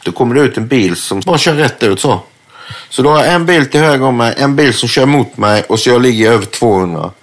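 A man's voice: medium pitch, expressive. A man, an interview guest, telling a story casually with lots of swearing and acted-out quotes. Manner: vivid, swears freely, acts out quotes.

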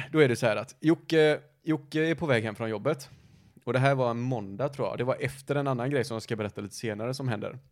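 A man hosting a relaxed chat, recounting a story in a mid-pitched voice. He rambles, restarts sentences and leans on fillers as he goes. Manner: rambling, self-correcting, lots of fillers. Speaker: podcast host.

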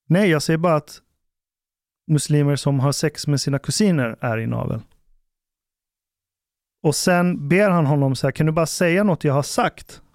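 A man's voice: medium pitch, no echo, studio quality. A man hosting a podcast, telling a story in casual chat and acting out what people said. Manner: animated storyteller acting out quotes. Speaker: podcast host.

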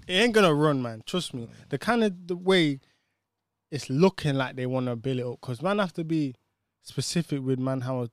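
A man with a British urban roadman accent chats casually in street slang, arguing his point emphatically and repeating tag questions. His voice is on the high side with lively intonation at a normal speed, captured as a dry, clean studio recording.

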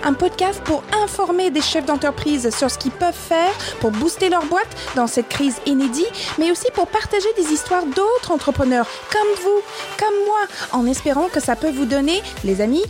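A woman hosts a business podcast and interviews in French, a language she speaks non-natively with an English-speaking accent. She is a business founder with a very high-pitched, animated voice, sounding upbeat, chatty and slightly scripted at a moderate pace. Music plays in the background.

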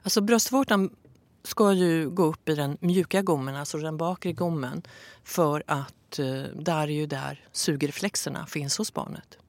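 A woman calmly explaining breastfeeding advice in a casual podcast talk, with some fillers. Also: low voice, no echo.

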